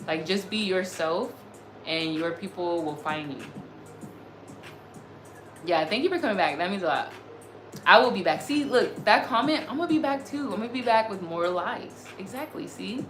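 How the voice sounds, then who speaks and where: A woman of about thirty hosts a livestream, chatting casually with a medium-pitched voice, lively intonation, and a moderate pace. She reads and answers comments earnestly and effusively, repeating herself as she goes. The recording has a roomy echo with music behind her.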